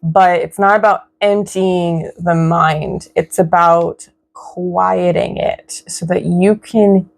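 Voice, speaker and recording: Slow, low-voiced woman reading tarot. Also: vocal fry. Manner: slow, reflective, spiritual, encouraging. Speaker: tarot reader.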